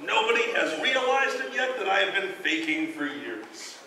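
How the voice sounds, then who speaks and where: A loud, mock-indignant man bantering as a player on a tabletop game panel. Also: high voice, sing-song, moderate pace. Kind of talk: bantering tabletop role-play chat. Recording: echoey room, distant mic, faint noise.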